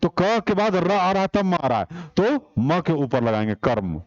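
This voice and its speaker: A man's voice: high voice, very animated, moderate pace, no room sound, dull audio. A man teaching an online exam-prep class, explaining step by step and putting rhetorical questions to the class.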